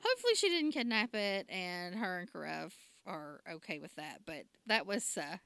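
A woman's voice: on the low side, big pitch swings, moderate pace, gravelly, a bit bright, smooth, dry recording. A woman, casually recapping a TV drama episode and laughing often. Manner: chatty, laughs often, acts out quotes. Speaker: podcast co-host recapping a TV drama. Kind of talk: casual chat.

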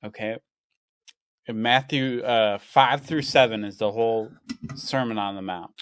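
A man explaining theology in a casual conversation, measured and explanatory. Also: on the low side, steady tone, a bit bright, clean tone, no echo, clean studio sound.

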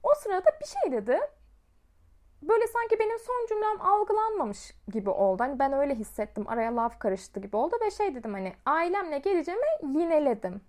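High-voiced chatty storytelling woman. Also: very animated, quick pace, a little mellow. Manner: chatty, self-mocking storyteller. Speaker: teacher. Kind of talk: casual storytime vlog.

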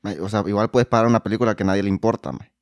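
A man's voice: on the low side, steady tone, racing, no echo, clean studio sound. A man, cracking crude jokes while he reads listener stories aloud in casual podcast chat. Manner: crude, joking, laughs often. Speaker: podcast co-host.

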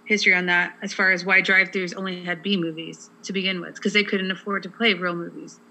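A woman's voice: fairly low pitch, level tone, fast, gravelly, sharp tone, low-quality recording. A woman co-hosting a casual podcast, explaining at length in a chatty way with lots of fillers. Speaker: podcast co-host. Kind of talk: casual chat.

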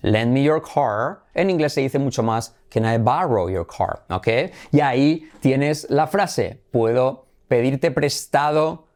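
A man runs an English lesson in a lively, teacherly way. He says the English phrases over and over, slowing them down for practice. His voice sits in an ordinary middle pitch. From Spain. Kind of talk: Spanish-language English lesson.

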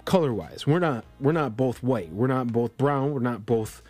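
A man's voice: medium pitch, animated, normal speed, darkish tone, soft background music. A man born in Colombia co-hosting a podcast, talking politics in a casual, rambling way full of restarts and fillers. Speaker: podcast co-host.

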